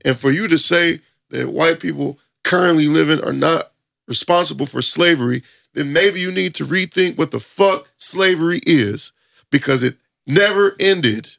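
A man hosting a casual talk show, reacting to a video with animated, profane commentary and acting out quotes. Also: fairly high pitch, moderate pace, creaky. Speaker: host.

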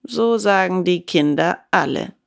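A woman voicing a wise, poor old woodcarver father who speaks low and admonishing. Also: lively intonation, a little slow, gravelly.

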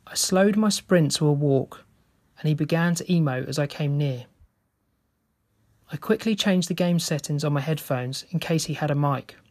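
A man narrating a first-person story in a steady, measured reading. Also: a little high.

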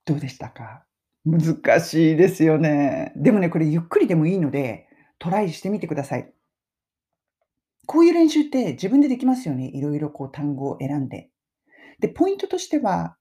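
A woman's voice: on the low side, mellow. Chatty woman teaching pronunciation. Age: middle-aged. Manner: chatty, models English phrases slowly for repetition. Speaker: English pronunciation teacher and podcast host. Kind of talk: casual spoken lesson.

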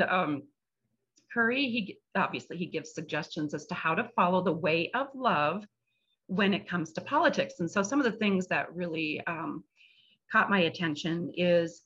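A woman talking thoughtfully about a book chapter in a church discussion group, with many pauses and restarts. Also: medium pitch, fairly bright tone, breathy edge, muffled recording.

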